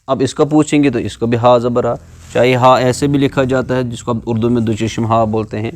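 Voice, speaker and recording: A man teaches pronunciation in a video lecture. His voice sits at an ordinary middle pitch. He stretches out single syllables, repeats them, and mixes English words into his explanations. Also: steady tone, a little mellow. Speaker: Quran recitation teacher. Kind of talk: classroom lecture on letter pronunciation.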